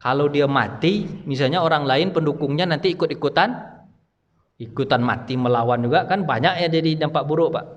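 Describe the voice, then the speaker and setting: A man gives a loud, direct study lecture to a mosque congregation, pausing often to address the men as "Pak". His speaking voice sits somewhat high. The sound rings with the long reverb of a large mosque hall. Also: lo-fi sound. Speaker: Islamic preacher and teacher.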